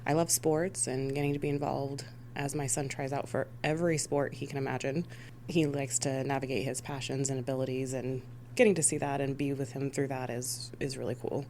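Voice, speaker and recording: In a very deep, dark voice with little pitch movement, an emergency dispatch supervisor from the United States (Missouri and Rhode Island) answers interview questions conversationally and fairly quickly. There's slight background noise.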